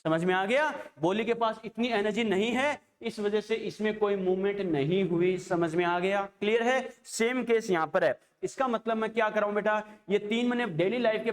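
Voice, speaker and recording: High-voiced man coaxing students through a lecture. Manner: coaxing, keeps checking understanding with rhetorical questions; addresses students fondly as children. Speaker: chemistry teacher. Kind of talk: classroom lecture.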